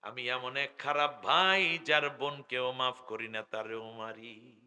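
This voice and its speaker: A man voicing a grown male warrior, sorrowful and slow, inside a spoken sermon story. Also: mid-range voice, bright, forceful tone, clean tone, big-room sound. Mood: remorseful.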